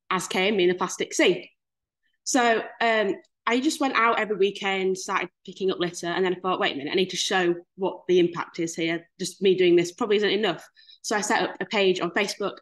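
A chatty young woman in her 20s from Leeds, Yorkshire, England, speaks at medium pitch as a guest on a video call. She gives a casual webinar presentation in a lively way, full of self-deprecating humour.

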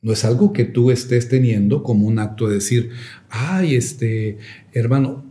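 Mellow-voiced pastor telling a testimony. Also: male voice, mid-range voice, fairly even intonation, fairly quick. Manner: reflective storytelling with hesitant fillers, rising to emphatic preaching.

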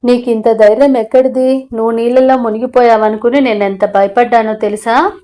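A woman narrator voicing a lively, chiding young girl raised in a town, in an audio storybook. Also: a little high, moderate pace, natural voice.

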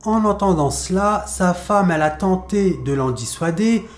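A man's voice: sits high, animated, normal speed, reverberant. A man telling a horror story in a casual, repetitive spoken storytelling manner. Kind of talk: storytime narration.

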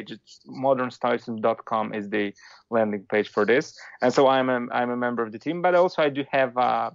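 A Polish philosopher with a Polish accent talks casually as an interview guest, halting often with restarts and fillers. His voice is medium-pitched with vocal fry, and the recording is lo-fi with no echo.

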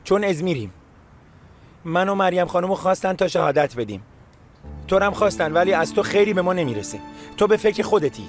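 A bitter, accusing husband. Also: male voice, high voice, expressive, long pauses, soft background music. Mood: resentful. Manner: harsh, accusing. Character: bitter, resentful husband and protective father. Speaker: dub actor. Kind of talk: dubbed TV drama.

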